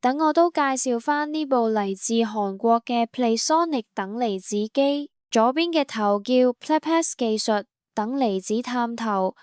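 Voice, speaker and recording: A woman reading a scripted instructional voice-over for a beauty salon, in an even, promotional step-by-step manner. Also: on the high side, a little slow, hardly any pauses, clean tone, no echo, studio quality.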